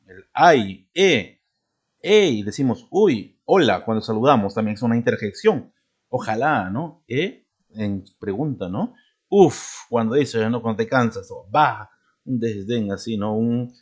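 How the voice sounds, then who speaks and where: A man's voice: medium pitch, darkish tone. A man teaching a spelling lesson to students, checking often whether they follow. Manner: addresses students, checks with frequent "¿de acuerdo?" and "¿no?".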